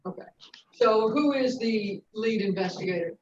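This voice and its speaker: Woman prosecutor, brisk formal questioning, courtroom recording, distant and roomy, dull lo-fi sound. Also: fairly high pitch, darkish tone.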